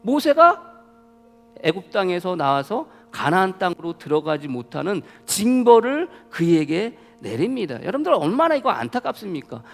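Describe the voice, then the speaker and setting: High gravelly preaching man. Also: very animated, normal speed. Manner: rhetorical questions to the congregation, building in intensity. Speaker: pastor. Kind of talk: sermon. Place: church sanctuary. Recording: reverberant church hall.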